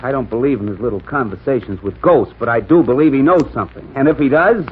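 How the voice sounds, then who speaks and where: An actor playing a determined young male newspaper reporter in a 1940s radio drama, brisk and take-charge, heard as an old radio show. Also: mid-range voice. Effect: old radio show sound. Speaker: lead character. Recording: tinny 1940s radio broadcast with faint hiss.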